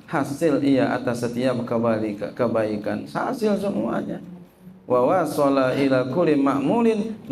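Over slight background noise, a medium-pitched man preaches as an Islamic teacher. Lively and repetitive, he reads Arabic phrases and translates them, asking the listeners questions that he then answers himself.

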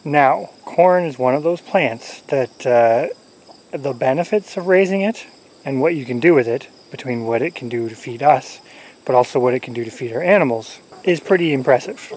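A homesteader vlogger in his forties chats casually to a handheld camera out in his corn garden, rambling in a relaxed way with lots of fillers and chuckles. His voice is medium-pitched at a moderate pace, picked up by a camera-mounted mic at arm's length in a rough recording, with crickets and insects faintly audible.

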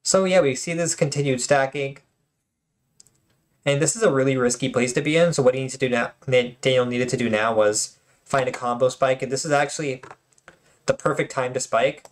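A man's voice: medium pitch, moderate pace. A man hosting his own channel and commenting casually on tournament replays, chatty and joking, with lots of fillers and restarts.

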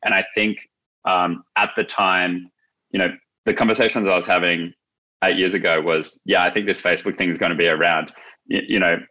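The guest on this video call is a young adult Australian who founded a marketing agency; he talks casually and reflectively from a small indoor office. His voice is deep and sharp in tone, with fairly even intonation and a slightly quick pace. The call audio, with no headset seen, is slightly dull.

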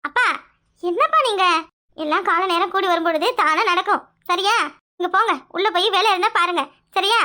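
A woman voicing a stern, dutiful young unmarried village woman in a cartoon, curt and sharp-tongued, with a southern Tamil accent. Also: extremely high pitch, brisk. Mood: pleading. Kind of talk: cartoon voice acting.

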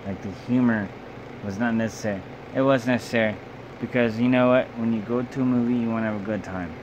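A man's voice: mid-range voice, steady tone, fast talker, muffled recording. A young man, drunk, giving a loose, blunt, sweary casual video review in a small room. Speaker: amateur film reviewer. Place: small bedroom, indoors. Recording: clear background hum and noise.

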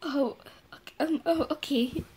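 Giggly high-voiced woman gaming. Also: measured pace, a little mellow. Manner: giggly, playful, chatty. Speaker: gaming channel host. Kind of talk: casual let's-play chat.

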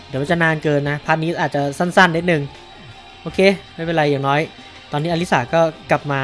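A man's voice: a little high, a bit bright. Male let's-play streamer, stuffy voice from allergies, casual exclamations, faint game music. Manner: casual, exclaims during fights. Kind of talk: let's play commentary and dubbing.

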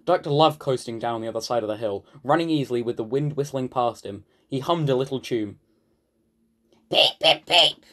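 A man from the United Kingdom narrating a children's storybook in an animated, expressive way. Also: medium pitch, fairly quick, hardly any pauses. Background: background music.

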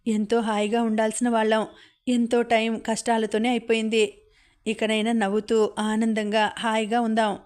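A woman voicing an earnest young man who proposes in a soft, steady, pleading voice. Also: on the high side, normal speed, clean tone, close to an everyday voice. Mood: tender pleading.

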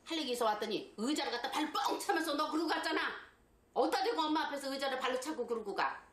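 A woman's voice: high-pitched, lively intonation. Scolding older woman in echoey room. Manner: scolding, rapid complaining. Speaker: mother-in-law. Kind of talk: heated family argument. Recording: echoey room with faint noise.

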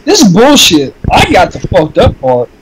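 A man with a high-pitched voice joking over a game with a friend. He throws out crude one-liners and keeps repeating silly running gags. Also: huge pitch swings, normal speed, slight background noise, rough recording. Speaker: co-player in a let's play. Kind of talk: casual gaming banter.

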